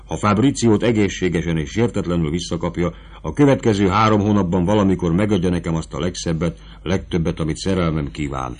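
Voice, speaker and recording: A man's voice: sits low, darkish tone. A man reading the part of a passionate, anxious young prince in an audiobook, in an earnest, pleading manner.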